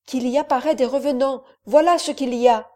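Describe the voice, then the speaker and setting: Give me a woman doing a blunt elderly housekeeper, insistent and curt, with a warm tone. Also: high voice, fairly quick, pitched above the performer's own voice, close to an everyday voice. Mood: anxious, insistent. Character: elderly steward's wife, anxious, blunt. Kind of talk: audiobook character reading.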